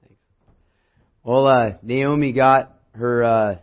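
A man with a hoarse voice preaching a church sermon in an informal, anecdotal way, as if talking with his congregation. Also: medium pitch, steady tone, takes it slowly. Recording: dull, muffled sermon audio.

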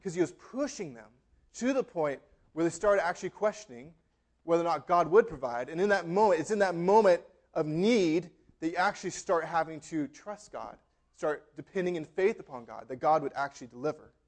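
A man with a bright, high voice delivers a sermon with an American accent. He talks like he's chatting with the congregation, acting out voices and checking in with frequent "right?". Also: lively intonation, brisk. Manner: conversational preaching, frequent asides of "right?" and laughter. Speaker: pastor.

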